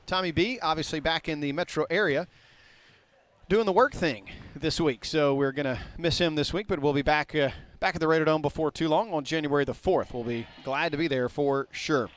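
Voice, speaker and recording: A middle-aged man, giving folksy, rambling play-by-play of a high school basketball game in a small gym. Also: fairly quick. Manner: folksy, rambling, talks to viewers directly. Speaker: play-by-play announcer.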